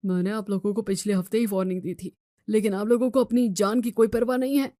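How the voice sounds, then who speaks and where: A woman voicing several characters in a family comedy drama, switching quickly between pleading and scolding. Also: mid-range voice, steady tone, mellow, no echo, studio quality. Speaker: voice actor playing several family members.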